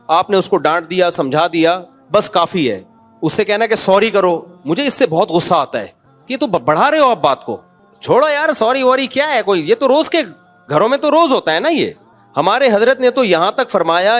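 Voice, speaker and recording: A man preaches in a conversational, scolding tone. He slips into high-pitched imitations of other people. His voice sits a little high, with faint music behind it. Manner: informal, scolding, mimics others with sudden high-pitched quotes. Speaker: Islamic scholar giving a sermon. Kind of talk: conversational religious lecture.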